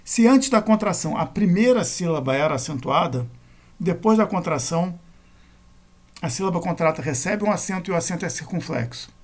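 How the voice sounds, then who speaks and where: A man's voice: high-pitched, lively intonation, brisk. A man giving a recorded grammar lecture, explaining rules step by step and correcting himself as he goes. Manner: methodical, self-correcting explanation. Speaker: Greek grammar teacher.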